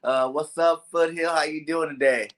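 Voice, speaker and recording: A man from California hosts a casual sports talk podcast, his voice bright and forward. He talks in a loose, rambling way, filling gaps with "you know what I'm saying." He sounds relaxed and friendly on a video call. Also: on the high side, moderate pace. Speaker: podcast host.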